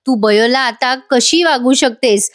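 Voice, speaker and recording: A woman voicing a sharp-tongued, scheming older aunt who scolds and insults. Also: a little high, a little slow, lightly acted. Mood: scolding.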